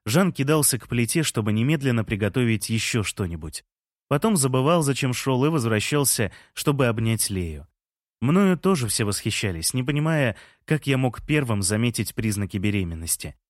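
A man narrates a first-person audiobook in a calm, wry, even voice of middle pitch. The recording is dry and close, with no room sound. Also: moderate pace, dry recording.

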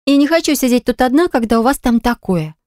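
A woman voicing a brisk, commanding young woman in an audiobook, speaking high and bright as she gives orders. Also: animated, no echo, studio quality. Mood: upset. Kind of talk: audiobook character voice.

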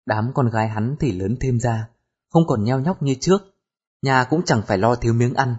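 A man narrating an audiobook in a steady storytelling voice. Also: mid-range voice, moderate pace, slightly rough. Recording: dull lo-fi recording with music.

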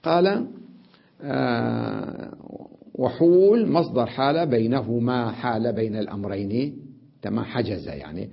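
Husky man teaching a grammar lesson. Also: mid-range voice, animated, dull audio. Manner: explains step by step, often checks in with "تمام؟"; repeats and drawls example words slowly.

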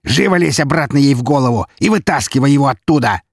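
A man's voice: medium pitch, expressive, moderate pace, gravelly, breathy edge, no room sound, studio quality, voice pushed up, heavily acted. A man voicing a cruel, menacing nobleman who snarls harsh threats and drags out his words. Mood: raging. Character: cruel menacing nobleman count, brutal and cold.

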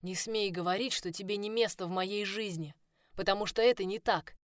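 A woman's voice: medium pitch, brisk, no echo, studio quality, close to an everyday voice. A woman voicing a desperate young man in love, pleading, in a first-person audiobook.

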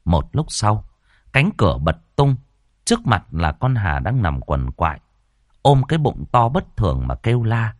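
A man's voice: lowish voice, very animated, moderate pace, no echo, studio quality. A man reading a ghost story aloud with a dramatic, swooping delivery.

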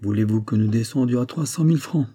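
A man with a husky voice voicing a severe examining magistrate questioning a suspect in an audiobook. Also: mid-range voice, fast talker, warm tone, close to an everyday voice. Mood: cold. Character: stern cold male examining magistrate.

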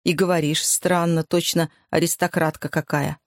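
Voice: medium pitch, flat delivery, normal speed, no room sound, clean studio sound, natural voice. A narrator voicing a bossy soldier husband. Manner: blunt, domineering.

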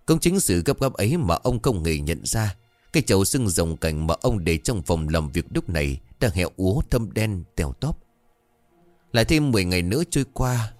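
Deep-voiced man narrating a horror story. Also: no room sound. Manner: expressive, dramatic storytelling.

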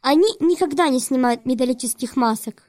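A woman's voice: high-pitched, brisk, a little mellow, no echo, studio quality, close to an everyday voice. A woman voicing a clever, plucky teenage girl in an audiobook. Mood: questioning. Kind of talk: audiobook character reading.

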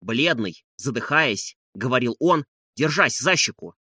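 A man narrating a classic novel as an audiobook, in a steady, measured delivery between lines of dialogue. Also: mid-range voice, slightly rough, dry recording, clean studio sound.

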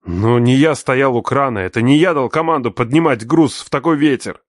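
A man's voice: on the low side, fairly quick, no echo, clean studio sound, natural voice. A man voicing a grown son who answers his father with terse, bitter retorts in an audiobook reading. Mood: defiant. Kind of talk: audiobook narration.

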